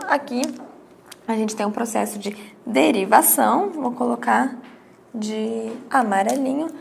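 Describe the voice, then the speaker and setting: A woman's voice: on the high side, gravelly, a little hiss or hum. A woman teaching a grammar lesson, explaining step by step with rhetorical questions and acting out her students' questions.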